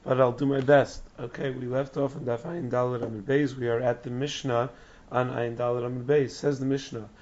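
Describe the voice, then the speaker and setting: A man teaching a Talmud class with a hoarse, raspy, strained voice that has nearly gone, reading text and explaining it. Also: medium pitch, level tone, a little fast, a little mellow, slight background noise. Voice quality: raspy, strained, breathy croak. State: hoarse, lost voice. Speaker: religious teacher giving a daily Talmud class. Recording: dull, muffled lo-fi recording.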